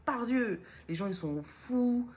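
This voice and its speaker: A woman's voice: on the low side, normal speed, a bit bright. Rambling, self-mocking woman vlogger. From Lyon, France. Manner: rambling, self-mocking, jumps between topics. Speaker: vlogger and entrepreneur. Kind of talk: casual direct-to-camera talk.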